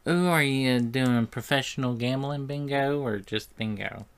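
A man with a drawl talks unhurriedly on a casual podcast. He rambles from one thing to the next and slips in dry little jokes. His pitch sits in an ordinary middle range. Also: clear, resonant tone. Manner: slow, rambling, dry joking. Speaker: podcast co-host.

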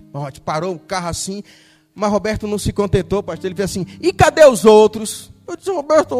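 Man, Brazilian accent, pastor, preaching, acts out dialogue, high pitched, faint guitar behind. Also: big-room sound. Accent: Brazilian Portuguese. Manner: animated storytelling, acting out dialogue. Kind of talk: sermon with retold story.

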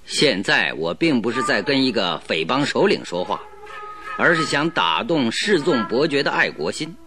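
Speaking over music, a male actor with a natural, medium-pitched voice portrays a shrewd detective in a radio drama. The character stays calm, measured, and persuasive, with a sly confidence.

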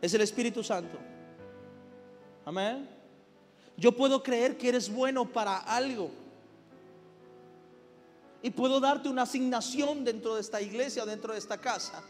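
High-voiced male pastor preaching. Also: in a large hall. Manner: preaching with rising intensity and repeated "amén". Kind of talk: sermon.

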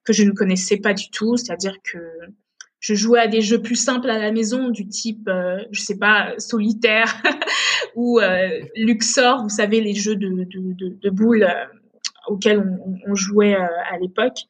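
A woman's voice: medium pitch, fairly even intonation, unhurried, breathy edge. A woman in her late twenties, from Togo and raised in Benin, talking as a podcast guest with many fillers and restarts. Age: late 20s. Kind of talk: casual podcast interview.

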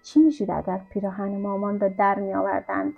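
A woman reading a literary novella aloud as an audiobook narrator, in a calm, even storytelling manner. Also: mid-range voice, vocal fry, slightly rough. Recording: dull lo-fi recording with faint music.

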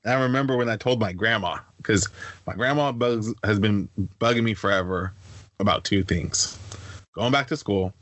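Young man, casual podcast co-host; animated storyteller who mimics others in a high voice; dry studio sound. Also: moderate pace, no echo. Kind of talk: casual chat.

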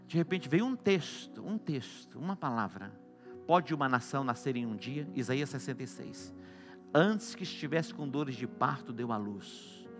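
A Brazilian man preaching a sermon, swinging between loud exclamations and soft hushed lines. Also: medium pitch, animated, normal speed, music in the background. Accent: Brazilian Portuguese. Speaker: apostle preaching.

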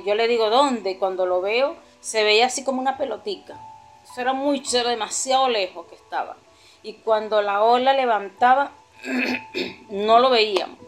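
A middle-aged woman with a Venezuelan accent giving an earnest, heartfelt personal testimony in church. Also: medium pitch. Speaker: pastor's mother-in-law giving a testimony.

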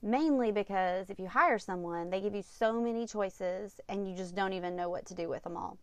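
A woman's voice: medium pitch, moderate pace, no room sound. A woman hosting a casual solo advice podcast, giving upbeat, tidy step-by-step tips like a vlogger. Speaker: podcast host.

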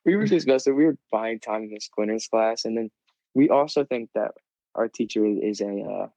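A man's voice: lowish voice, animated, moderate pace, vocal fry, mellow, no echo, rough recording. A teenage boy co-hosting a podcast, telling a long rambling story full of fillers and restarts. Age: teens. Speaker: podcast co-host. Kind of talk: casual chat.

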